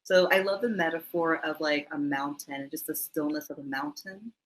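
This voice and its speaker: On a rough video-call recording, a middle-aged mindfulness teacher with a low-sitting voice answers an interviewer at moderate pace. Warm, laughing asides punctuate her replies, and she acts out the voices of people she quotes.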